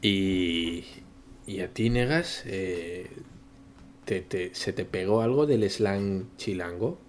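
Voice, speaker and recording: A man's voice: sits low, slow. A man with a Spain Spanish accent guiding a casual podcast chat with questions. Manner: asks questions, moderates.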